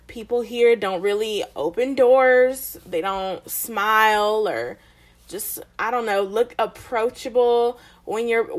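A young woman from Georgia with a Southern American accent, co-hosting a podcast in a relaxed, thoughtful chat. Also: medium pitch. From Georgia, USA. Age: young adult. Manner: relaxed, thoughtful, many fillers. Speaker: podcast co-host. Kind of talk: casual chat.

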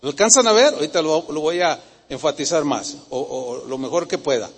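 Male pastor, high voice, emphatic sermon style in a reverberant hall. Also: lively intonation, a little fast, husky. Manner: emphatic, repetitive, questions the congregation. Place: church hall.

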